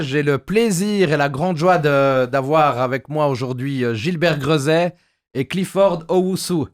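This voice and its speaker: A man hosting a Bible study discussion, talking with frequent hesitations and filler sounds. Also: on the high side. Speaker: host.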